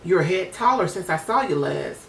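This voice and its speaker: A woman's voice: fairly low pitch, expressive, normal speed, vocal fry. A woman voicing a sly, hungry male wolf in a storybook, falsely pleasant and coaxing. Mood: sweetly sinister. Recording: roomy, distant mic with hiss.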